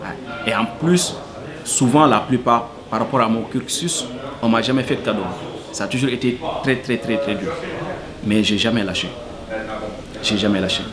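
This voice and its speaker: Amid crowd noise, a Senegalese man who works as a cook answers interview questions earnestly but hesitantly, filling his speech with fillers. His voice is medium in pitch and moderately paced.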